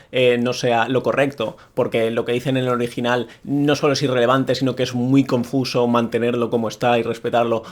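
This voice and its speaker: A man from Spain with a Peninsular Spanish accent, delivering an opinionated monologue as a video creator, with strong, emphatic criticism. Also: mid-range voice.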